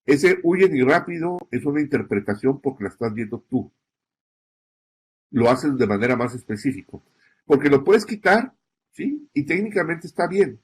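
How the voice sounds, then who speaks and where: A man's voice: a little high, very animated, moderate pace, slightly rough. A man lecturing on journalistic narration, checking in with his listeners often and stressing key words. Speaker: journalism instructor. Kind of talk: recorded lecture.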